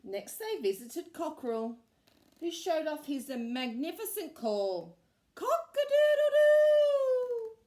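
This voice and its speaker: A woman preschool teacher reading a picture book aloud to children, gentle and expressive. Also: sits high. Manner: gentle, slow, expressive storytelling.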